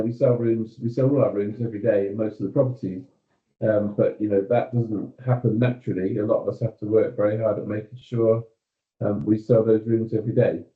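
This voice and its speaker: A British man, a company executive, giving a staff meeting update on a video call, measured, with frequent ums and you-knows. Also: on the low side, reverberant, highs cut off.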